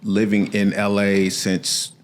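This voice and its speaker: Easygoing low-voiced man, pastor guest. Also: completely flat delivery, takes it slowly, a little hiss or hum. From Chicago. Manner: easygoing, chatty, laughs often. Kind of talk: casual interview chat.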